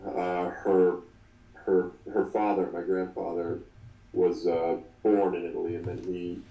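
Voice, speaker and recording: A man's voice: sits low, little pitch movement, warm tone, roomy sound, recorded from a distance, muffled recording. A man in his twenties talking through an interview as the guest, often restarting and filling with ums. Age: 20s. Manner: halting, many restarts and fillers. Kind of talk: casual interview.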